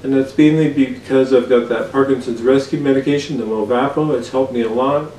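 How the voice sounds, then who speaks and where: A man in his forties speaks in a candid, relaxed vlog style, filling his pauses with small hesitations. His mid-pitched voice sits back from the microphone in a roomy space. A faint hiss runs underneath. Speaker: vlogger. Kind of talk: casual personal vlog. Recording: roomy sound from a distant mic with faint background hiss.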